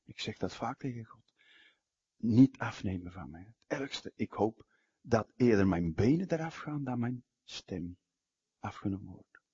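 Husky, animated male preacher. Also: on the low side. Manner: animated storytelling with dramatic pauses. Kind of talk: sermon. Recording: dull lo-fi recording.

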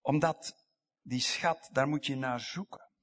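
A man preaching a sermon as pastor, emphatic, swinging from loud passages down to whispers. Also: medium pitch, steady tone, measured pace.

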